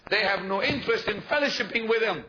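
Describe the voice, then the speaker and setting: Man, preacher, high voice, emphatic sermon, dull muffled audio, noisy hiss. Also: fast talker, sharp tone. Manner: emphatic, repeats key points, asks the congregation to respond.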